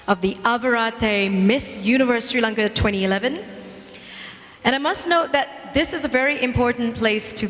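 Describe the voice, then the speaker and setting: A female pageant host speaks in a fairly high voice with formal polish. She presents live on stage, her words ringing through a big hall with music around. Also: fairly bright tone. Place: large event hall stage. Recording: reverberant hall, event music.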